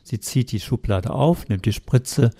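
Male interpreter with a warm, mellow voice, steady and measured. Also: mid-range voice. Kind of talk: interpreting a sermon.

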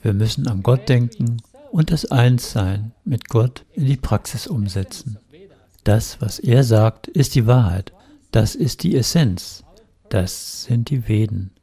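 Man, mellow dark voice, mid pitch, measured interpreting. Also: animated, breathy edge. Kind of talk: interpreting a sermon.

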